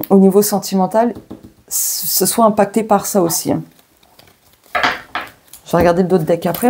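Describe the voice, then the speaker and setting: A woman with a French accent and a warm, mid-range voice does a casual weekly tarot and oracle card reading. She chats and thinks out loud, using many fillers and asides.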